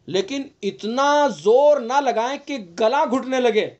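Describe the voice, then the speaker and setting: A man's voice: very high voice, a little mellow, muffled recording. A man teaching an online Quran recitation lesson, explaining patiently, repeating points and demonstrating letter sounds. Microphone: online class recording.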